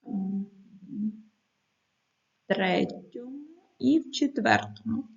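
A woman teaching primary school children in a recorded video lesson, speaking clearly and patiently and giving careful stress to each number as she reads aloud. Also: mid-range voice, lively intonation, very slow, muffled recording.

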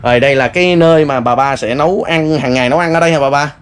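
A man with a Southern Vietnamese accent, interviewing politely and gently with many fillers. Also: on the high side, rapid-fire, smooth. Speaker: vlogger interviewer. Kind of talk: casual interview.

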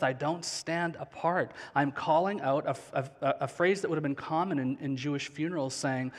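A man in his thirties preaching a sermon on a large church stage with a headset mic, earnest and slowing down on key phrases. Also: fairly high pitch. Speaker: pastor. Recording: long hall reverb.

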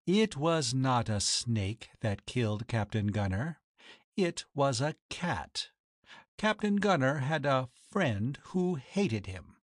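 A man's voice: medium pitch, big pitch swings, takes it slowly, dry recording, studio quality. A man reading the lines of a proud, cold woman who keeps a boarding house, speaking formally and accusingly. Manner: formal, accusing, coolly biting.

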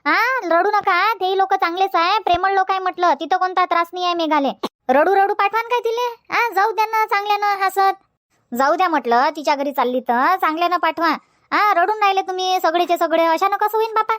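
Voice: very high-pitched, fairly quick, sharp tone, dry recording, studio quality. A voice actor playing a village man who consoles the family, soothing and repetitive. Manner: soothing, repeats himself with "mhatla".

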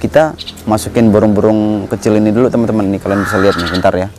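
A man's voice: on the low side, steady tone, quick pace, noisy background. A man vlogging casually from his home bird cages, chatting to viewers and coaxing his birds in a playful voice, filmed on a phone. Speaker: pet bird keeper and channel host. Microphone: phone camera. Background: bird calls and clicks.

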